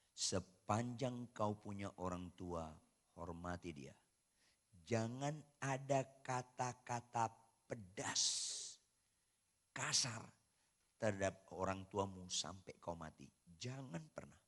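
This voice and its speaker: A middle-aged man preaching a sermon as a pastor, dropping to hushed asides and then shouting for emphasis. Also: mid-range voice.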